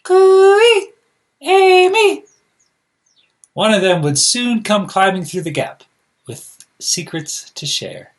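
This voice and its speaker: With a high voice, a man reads aloud to children expressively and deliberately, speaking to them directly the way a school counselor would.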